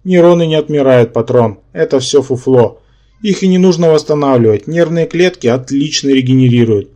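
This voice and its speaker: A man's voice: medium pitch, mellow, lightly acted. A man voicing a male brain-polyp symbiont who lectures and argues, in an audiobook. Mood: lecturing. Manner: lecturing, quick to take offence.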